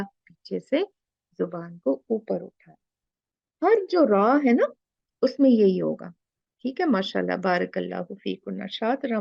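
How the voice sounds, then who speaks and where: A woman teaching an online recitation class, patiently repeating sounds slowly to demonstrate them over a video call. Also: mid-range voice, gravelly, a little mellow, no echo, muffled recording. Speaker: tajweed teacher.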